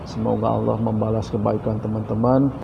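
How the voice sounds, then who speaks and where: A man casually introduces a video as a channel host. His voice is lowish and very flat, on a slightly dull, noisy recording. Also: a little fast, vocal fry. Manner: repeatedly addresses viewers as friends. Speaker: YouTube host.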